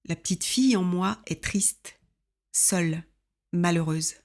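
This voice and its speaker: A woman in her fifties reads aloud from her own memoir. Her voice sits a little low, and her telling is measured, intimate and reflective, like someone sharing personal pages with listeners. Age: 50s. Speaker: author reading her own book.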